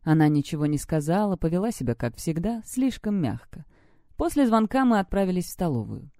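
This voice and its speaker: A woman reads an audiobook in an even, first-person storytelling voice. Her tone is dark and mellow, and the recording is dry with no room sound. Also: on the low side, fairly quick, dry recording. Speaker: audiobook reader. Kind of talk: scripted narration.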